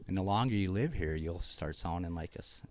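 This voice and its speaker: A man with a thick Upper Peninsula Michigan accent talks in a very low voice, rambling and enthusiastic as he restarts his sentences. The sound is dry and close, with no room around it. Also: a little fast, a little mellow, no room sound. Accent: Upper Peninsula Michigan (Yooper). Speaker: interview guest. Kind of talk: casual conversation.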